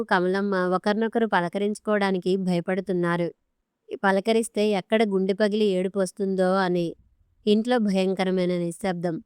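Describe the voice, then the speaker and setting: A woman narrating a scripted story in a measured, unhurried way on a close mic. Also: mid-range voice, smooth, no room sound. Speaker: audiobook narrator.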